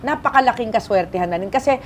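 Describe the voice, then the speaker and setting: A woman's voice: on the high side, fast talker, slight background noise. A woman in her fifties from the Philippines, a guest actress telling stories politely and with energy in a casual interview. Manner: polite, lively storytelling with frequent respectful particles.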